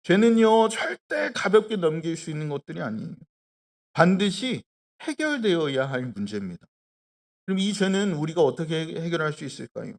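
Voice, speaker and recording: A pastor in his thirties preaches a live sermon in a fairly high voice. He leans on slow, hushed emphasis and then breaks into loud, pleading exclamations. He talks to the congregation in an earnest, conversational way, full of rhetorical questions. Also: sing-song. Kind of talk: sermon at a live Friday prayer meeting. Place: church worship hall.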